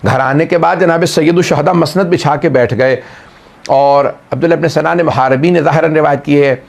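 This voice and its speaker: A man, a cleric, giving an emotive Muharram majlis sermon, telling a story in drawn-out recitation. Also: a little high, steady tone, creaky. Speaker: Shia cleric.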